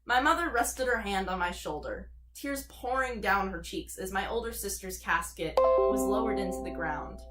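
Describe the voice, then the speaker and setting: A woman with a medium-pitched voice reads a horror story aloud. It is an informal amateur narration with casual delivery, recorded in a roomy, echoey space. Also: lively intonation, moderate pace, few pauses, music in the background. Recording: echoey room.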